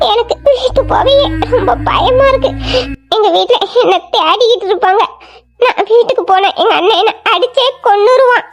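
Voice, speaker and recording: A performer playing a very high, fearful young woman. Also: a little fast, highs cut off, faint music behind. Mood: tearful fear. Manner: tearful, pleading, fearful. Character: timid, frightened young woman, a worried girlfriend. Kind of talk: amateur audio drama acting.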